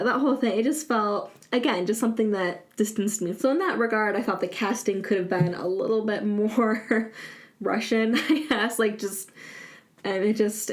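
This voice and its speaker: A woman giving a casual spoken film review, chatty and full of hesitations, often laughing as she talks. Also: medium pitch. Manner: chatty, lots of ums and restarts, laughs often.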